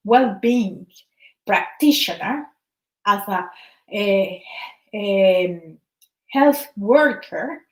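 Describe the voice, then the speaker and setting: A woman's voice: medium pitch, reverberant, low-quality recording. A woman from Venezuela, a wellness practitioner speaking earnestly about her views, often repeating words while searching for the right phrasing. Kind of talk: impassioned personal talk.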